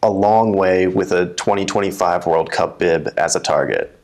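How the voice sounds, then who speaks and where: Young man, very low pitch, casual interview guest, halting, stumbling restarts. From USA. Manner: halting, repeats words, laughs often. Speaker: guest, telemark ski racer.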